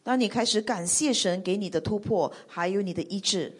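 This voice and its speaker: A woman giving steady, earnest interpretation of a sermon, phrase by phrase. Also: medium pitch, brisk, breathy edge.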